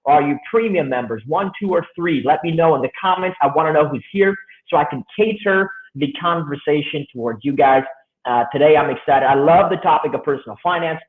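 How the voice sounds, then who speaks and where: An upbeat man talks to a webinar audience in a direct, casual way. His voice sits a bit high and comes through a tinny, echoey call line. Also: fairly quick. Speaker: guest speaker. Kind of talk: webinar teaching.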